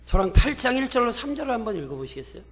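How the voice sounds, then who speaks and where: A man preaching a sermon as pastor, animated and full of rhetorical questions to the congregation, in a church with long reverb. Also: very high voice, racing.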